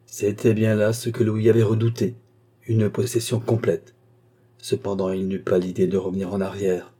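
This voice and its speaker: A man narrating a classic novel as an audiobook in a measured, steady way. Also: lowish voice, breathy edge.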